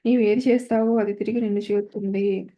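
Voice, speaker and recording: A woman reading spiritual teachings, saying English lines slowly before translating them and chanting verses. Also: medium pitch, steady tone, dark tone. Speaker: reader of spiritual discourses. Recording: slightly muffled lo-fi recording.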